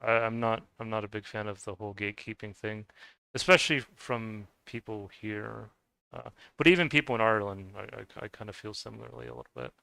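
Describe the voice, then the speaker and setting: This young man's voice is lowish, steady, fairly quick, gravelly yet smooth, with a sharp tone and no room sound. A gaming video creator with a slight Scottish-tinged accent, he offers casual, rambling gameplay commentary, hesitating, restarting, and trailing off often.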